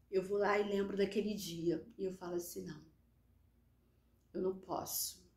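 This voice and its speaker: A woman's voice: mid-range voice, reverberant. A middle-aged woman with a Brazilian Portuguese accent gives an earnest personal faith testimony, repeating phrases for emphasis.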